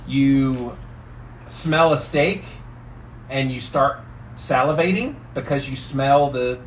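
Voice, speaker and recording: A man's voice: medium pitch, fairly bright tone. An American man vlogging casually and enthusiastically while sitting in ice-cold water, with slangy, emphatic talk. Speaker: vlogger doing a daily challenge. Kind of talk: casual rambling vlog talk. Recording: distant mic with faint background noise.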